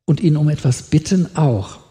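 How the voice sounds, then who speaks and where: A man's voice: a little high, moderate pace, mellow. A middle-aged man preaching a sermon, reading scripture with rising feeling and asking the congregation questions. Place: church hall with long reverb. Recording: long hall reverb.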